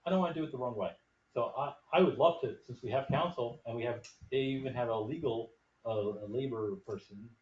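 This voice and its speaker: A man's voice: mid-range voice, fairly quick, darkish tone. A man chairing a town board meeting, hesitant and repeating himself as he talks. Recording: muffled, echoey meeting room.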